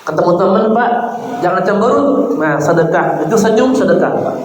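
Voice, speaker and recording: A man's voice: high-pitched, expressive, moderate pace. A man giving a sermon in a conversational way, putting questions to the congregation and often addressing them as sir. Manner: keeps addressing listeners as sir. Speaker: preacher. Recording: echoey hall with faint background noise.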